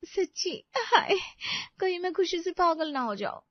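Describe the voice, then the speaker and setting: An excitable, emotional young bride from an animated story, as a woman narrator voices her, bright and high-pitched. She sounds affectionate and shy by turns. The audio is dry and slightly dull. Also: moderate pace, no room sound, close to an everyday voice.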